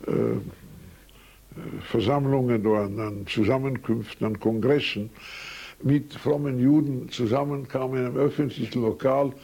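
Recorded on tape, an elderly French-speaking man from Switzerland recounts his life in an interview. His medium-pitched voice is gravelly, dark, and a little breathy, with fairly even intonation at a moderate pace, and he wanders anecdotally, often hesitating and correcting himself.

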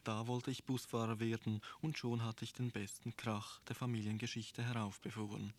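A man giving a dramatic, animated literary reading. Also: medium pitch, moderate pace. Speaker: reader.

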